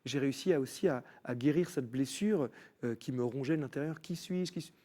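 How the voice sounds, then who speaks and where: Man, TV studio guest, faith testimony, animated, restarts often. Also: mid-range voice, a little fast. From France. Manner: animated storytelling, many restarts. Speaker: guest musician.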